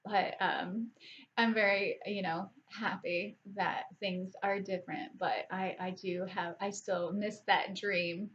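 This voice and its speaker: A woman's voice: mid-range voice, fairly even intonation, takes it slowly, fairly bright tone, a little hiss or hum. A woman in her forties chatting casually to camera as a book vlogger, rambling along with frequent restarts and fillers. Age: 40s. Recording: slightly dull lo-fi audio.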